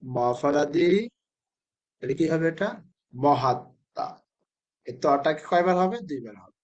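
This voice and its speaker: A man teaching a spelling and pronunciation lesson to children, who asks questions and answers them himself and says each word slowly, again and again. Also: fairly high pitch, darkish tone, lo-fi sound. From Bangladesh.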